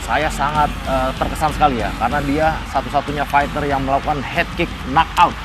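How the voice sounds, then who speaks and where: A man's voice: on the high side, fairly even intonation, a little fast. A man with an Indonesian accent giving conversational live fight analysis as co-commentator, with music and a crowd behind him.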